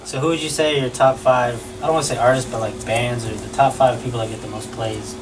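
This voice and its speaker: A man hosting a casual interview, asking questions in a brisk, friendly way. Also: mid-range voice, steady tone. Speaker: interview host. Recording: distant mic with noisy background.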